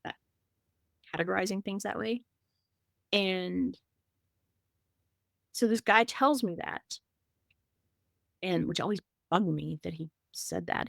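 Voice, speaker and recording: Speaking with vocal fry in a lowish yet fairly bright voice, a middle-aged woman recounts her grief on a podcast. Her storytelling is casual and raw, with frequent fillers and false starts, captured in clean studio sound without echo.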